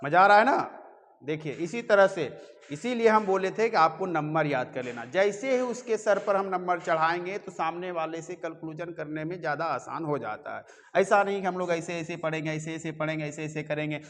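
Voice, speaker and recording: A man's voice: fairly high pitch, animated, normal speed, fairly bright tone, big-room sound. A man teaching a reasoning class in a coaching classroom, coaxing his students and checking often that they follow. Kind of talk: classroom lecture.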